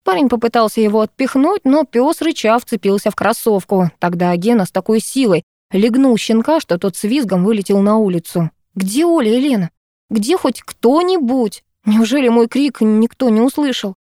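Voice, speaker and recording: A woman narrating a first-person novel aloud on a close mic, in a steady, absorbed storytelling manner. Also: mid-range voice, no room sound. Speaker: audiobook narrator.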